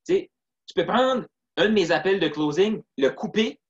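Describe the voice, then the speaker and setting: A man's voice: high voice, lively intonation, normal speed. A man with a Québécois French accent, speaking reflectively and earnestly as an interview guest, often saying "tu sais" and "puis". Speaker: interview guest, sales closer. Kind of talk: casual interview talk. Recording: slightly dull lo-fi sound.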